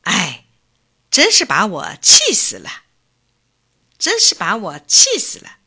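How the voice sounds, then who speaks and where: A woman voicing an angry old man who sells straw hats, scolding loudly. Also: mid-range voice, huge pitch swings, slow pace, breathy edge, exaggerated voice. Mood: exasperated. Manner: scolding, shouting at mischievous monkeys.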